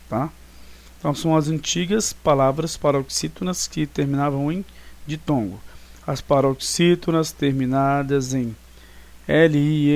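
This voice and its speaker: A man's voice: a little high, darkish tone. A Brazilian man teaching Portuguese grammar to ninth graders in a recorded online class. He explains step by step and keeps checking in with "né" and "tá".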